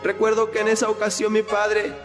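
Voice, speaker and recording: A man's voice: sits high, completely flat delivery, brisk. A young man earnestly giving a spoken religious testimony, retelling events with repeated phrases. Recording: long hall reverb with faint music.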